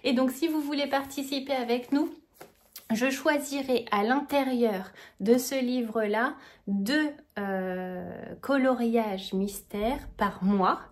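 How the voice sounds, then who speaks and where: A woman's voice: a little high, slow. Chatty woman, full of fillers. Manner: hesitant, many fillers and self-corrections; enthusiastic, gushing. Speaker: vlogger. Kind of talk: casual chat to camera.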